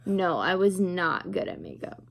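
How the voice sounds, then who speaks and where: A woman's voice: lowish voice, very animated, a little slow, gravelly. A woman in her twenties telling a casual, chatty story, rambling and self-deprecating with a giggly manner. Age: 20s. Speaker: video creator telling a story. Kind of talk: casual chatty storytime while doing makeup.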